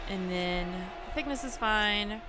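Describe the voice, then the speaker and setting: A woman with a medium-pitched, slow voice hosts her own video, giving casual, chatty game commentary and thinking aloud informally. Loud music plays behind her voice.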